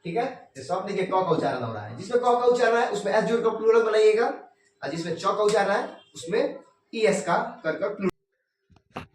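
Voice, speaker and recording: ऊँची आवाज़ वाले हिंदी शिक्षक. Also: male voice, high-pitched, lively intonation, slightly rough. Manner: repeats "ठीक है" often, dictates rules slowly. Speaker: English grammar teacher. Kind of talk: classroom-style grammar lesson.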